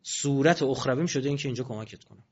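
A man giving a religious sermon in colloquial, animated speech with mocking asides. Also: mid-range voice, slightly rough. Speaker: preacher. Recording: dull lo-fi recording.

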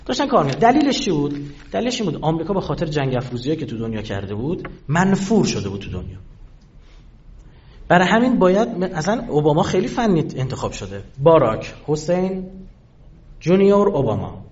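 A man giving a lecture to an audience, animated and full of rhetorical questions. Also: fairly high pitch. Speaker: political speaker. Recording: dull lo-fi sound.

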